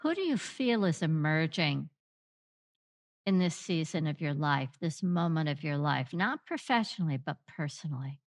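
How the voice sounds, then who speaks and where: A woman hosting a reflective podcast conversation, asking gentle, searching questions with long pauses. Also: low voice, very animated. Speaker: podcast host.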